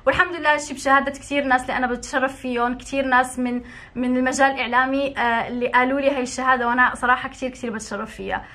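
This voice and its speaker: In a talking-to-camera opinion vlog, a young Moroccan woman YouTuber speaks at a racing pace in a high-pitched, pushed, bright voice with a steady tone. She is indignant and emphatic, repeating points to stress them.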